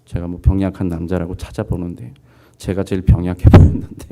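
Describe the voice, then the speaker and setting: A low-pitched man, speaking fairly quickly, preaches as pastor with a bit of hiss or hum on the recording. His sermon is lively storytelling, complete with character voices and questions for the congregation.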